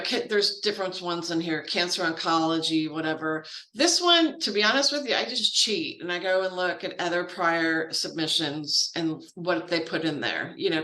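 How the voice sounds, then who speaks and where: A woman trainer walks through a process in a relaxed, talky way, full of asides and fillers. Her voice is bright and forceful, and the sound is roomy and echoey. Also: on the low side. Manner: chatty and informal, with frequent fillers and asides. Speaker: grants trainer. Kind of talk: casual software training walkthrough.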